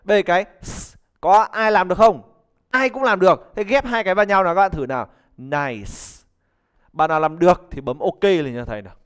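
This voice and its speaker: A man's voice: sits high, fast talker, clear, resonant tone. A man, teaching a live online pronunciation class in a chatty, joking way and calling on students to answer. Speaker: English teacher.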